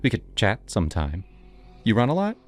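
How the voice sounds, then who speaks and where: A man's voice: lowish voice, wildly swooping pitch, moderate pace, pitched above the performer's own voice. A man voicing a creepy mid-twenties male delivery driver who talks in a sleazy drawl broken by wheezing chuckles. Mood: leering, sleazy.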